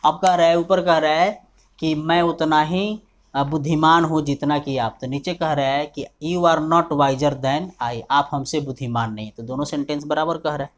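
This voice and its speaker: A male teacher with a slightly high, steady voice explains grammar rules step by step. He keeps checking whether students have understood and slows down to dictate example sentences.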